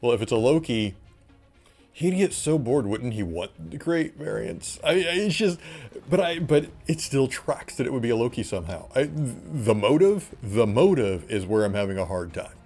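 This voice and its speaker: A man hosting a reaction vlog, talking in a casual, excitable way that rambles and often restarts. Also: medium pitch, moderate pace, faint music behind. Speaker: channel host reacting to a TV episode.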